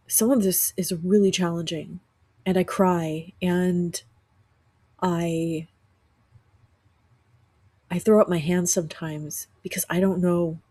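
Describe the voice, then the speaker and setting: Husky sick woman musing earnestly. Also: on the low side, dark tone, no echo. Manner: earnest, musing, with frequent restarts. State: sick, rough-voiced. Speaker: podcast host. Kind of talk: reflective spiritual monologue. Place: at home on a couch.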